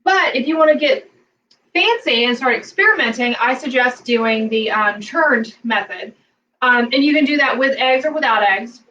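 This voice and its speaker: A woman's voice: high voice, moderate pace, pushed and bright, distant mic, lo-fi sound, slight background noise. A woman chatting casually as she walks through a recipe in her home kitchen, rambling with lots of fillers. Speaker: cooking vlogger. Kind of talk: casual cooking demo.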